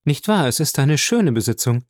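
A man voicing a proud aristocratic woman who asks quick, teasing questions, read as an audiobook figure. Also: mid-range voice, very animated, darkish tone, no echo, studio quality, voice pushed up, lightly acted. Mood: lively.

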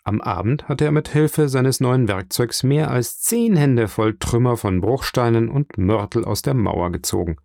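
A man reading a novel aloud in measured, even scripted narration. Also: medium pitch, creaky, dry recording, clean studio sound. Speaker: audiobook narrator.

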